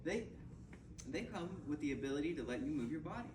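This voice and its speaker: A man's voice: a little high, big pitch swings. Man doing a hard-sell infomercial, distant and echoey. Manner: halting delivery with stumbles and repeated phrases. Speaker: presenter in a mock infomercial. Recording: roomy, distant mic, clearly noisy.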